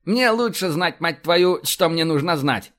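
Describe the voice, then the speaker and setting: A man doing a shrill, yelping, swearing admiral. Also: expressive, a little slow, a bit bright. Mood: agitated. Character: hot-tempered swearing male police vice-admiral.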